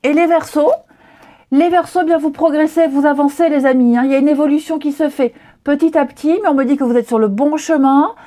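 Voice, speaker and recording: Woman tarot reader, high voice with a mellow tone, chatty and reassuring, lots of hesitations. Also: fairly even intonation, brisk. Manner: chatty, reassuring, many fillers and restarts. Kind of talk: casual tarot reading to camera.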